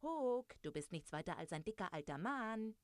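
A woman voicing a bold young boy hero who shouts cheeky taunts in a storybook reading. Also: medium pitch, very animated, moderate pace, dry recording, voice pushed up, lightly acted. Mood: daring.

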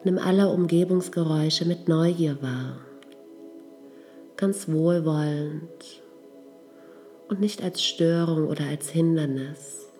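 A woman with a low, mellow voice guides a meditation, speaking slowly and softly. Her tone stays calm and unhurried throughout, with faint music beneath her. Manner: slow, soft, calm instructions.

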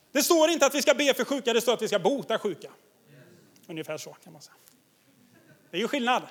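A man's voice: high-pitched, fairly bright tone. A man preaching a sermon as pastor, enthusiastic and exhorting, laughing often as he tells stories.

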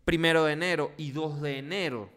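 A man's voice: on the high side, fairly even intonation, a little fast, a bit bright. A man with a Venezuelan accent, co-hosting a casual chat and telling a laughing, colloquial story.

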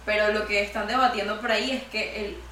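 A young woman co-hosting a casual podcast chat, with quick wry asides. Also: mid-range voice, steady tone, sharp tone, far from the mic, slight background noise. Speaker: podcast co-host. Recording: echoey room, off-mic.

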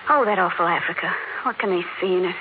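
A woman's voice: on the low side, fast, phone-quality sound, a little hiss or hum, lightly acted. An actress playing an anxious, pleading mother in a melodramatic old radio drama. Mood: fretful. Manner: fretful, imploring, melodramatic. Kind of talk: mid-20th-century radio drama acting. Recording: thin old radio with music underneath.

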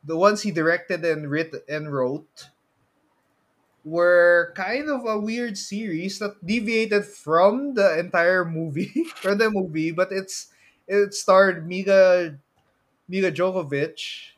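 A high-voiced man with a Filipino accent co-hosts a podcast, chatting casually about movies. He speaks haltingly and tends to chuckle as he talks.

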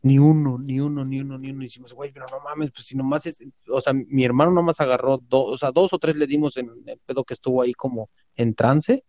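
A man's voice: mid-range voice, steady tone, quick pace, few pauses, mellow, no room sound. A man with a Mexican Spanish accent telling a story in casual conversation, slangy and emphatic, repeating words for weight.

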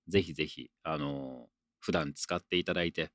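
A man's voice: very deep voice, fairly even intonation, moderate pace, fairly bright tone, no echo, clean studio sound. A young man hosting a casual solo radio talk show, reading listener letters with loose, rambling, self-deprecating asides and a playful mock-formal tone. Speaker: podcast host.

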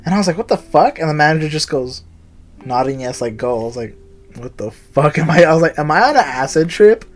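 A young podcast co-host rambles through a story, swearing a lot and animatedly acting out quotes in casual chat. His voice is a little high and fast, with soft music in the background.

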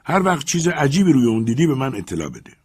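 A man voicing an excitable, obsessed master who shouts urgent commands up a tree. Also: medium pitch, slightly rough, voice pushed up. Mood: urgent, commanding.

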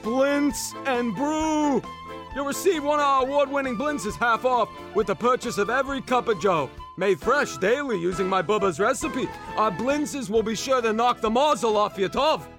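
A man playing a hammy high-voiced shop owner. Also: fairly bright tone. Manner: showy, pun-filled salesman shtick with Yiddish curses. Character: hammy male coffee shop owner doing a holiday ad. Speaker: ad pitchman. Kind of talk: radio ad spot. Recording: ad read over music.

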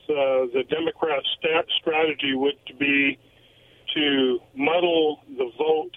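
A male radio caller with a gravelly voice, speaking in a plain, offhand way. The sound comes through a tinny phone line. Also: fairly high pitch. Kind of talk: phone-in comment.

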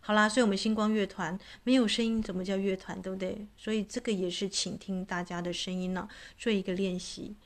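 A woman's voice: medium pitch, steady tone, fairly quick, few pauses. A woman, a voice coach talking casually to her audience, chatty and full of filler particles. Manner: chatty, many filler particles, imitates cat meows. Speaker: voice and astrology coach.

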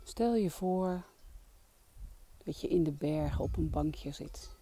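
A meditation guide with a mellow, creaky voice speaks very slowly and softly. The delivery is calming and breathy, often sinking toward a whisper, as in a guided relaxation. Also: medium pitch, a little hiss or hum.

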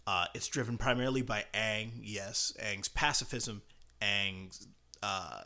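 A man hosting a podcast alone with casual commentary, talking in a halting way as he thinks aloud. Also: lowish voice, bright, forceful tone. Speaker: podcast host.

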